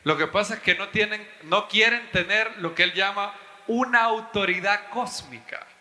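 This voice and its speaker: A man's voice: high voice, moderate pace, bright, forceful tone, reverberant, in a large hall. A man preaching a teaching sermon to his congregation, emphatic, his voice leaping up to stress points. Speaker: pastor and Bible teacher.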